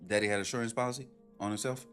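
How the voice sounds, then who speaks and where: A man streaming, reacting to a video with animated, profane, rhetorical ranting in casual commentary. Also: lowish voice, racing, faint music behind.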